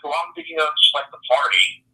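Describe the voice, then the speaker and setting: Bright-voiced man in his thirties, distant. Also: fairly high pitch. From Baltimore, USA. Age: 30s. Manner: easygoing, earnest, halting. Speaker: comedian guest. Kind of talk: casual interview chat.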